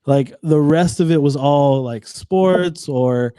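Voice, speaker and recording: A man's voice: a little high, slow, mellow, clean tone, dry recording. A man in his twenties, a podcast guest in casual chat, rambling with many restarts and swearing freely. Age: 20s.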